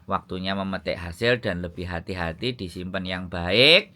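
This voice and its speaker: A man's voice: sits low, moderate pace, bright, forceful tone. A man with a Javanese accent giving fatherly, lecturing advice in a casual phone chat.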